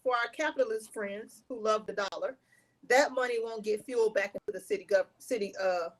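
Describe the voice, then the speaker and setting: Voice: mid-range voice, brisk, poor audio. Frank panelist on a video call. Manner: frank, restarting phrases. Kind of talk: virtual panel discussion.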